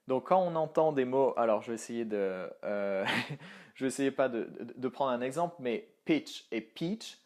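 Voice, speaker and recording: Casual man teaching, full of fillers. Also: medium pitch. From France. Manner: animated, thinking aloud with many fillers and restarts. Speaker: language teaching coach. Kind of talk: casual online video lesson.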